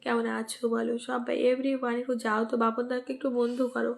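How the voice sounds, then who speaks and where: Female live-stream host, croaky from a cold, slightly high pitch. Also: little pitch movement, a little fast. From West Bengal, India. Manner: greets and thanks commenters by name, asks for mentions. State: sore throat and cold, coughing. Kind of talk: casual live-stream chat with viewers.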